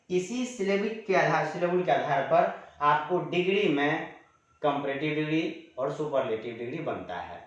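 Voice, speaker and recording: A man with a slightly high voice teaches grammar in a patient lecture in his terms. He repeats each definition and stretches out example words. The sound is very echoey and dull, like a lo-fi recording in a bare room. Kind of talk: classroom lecture.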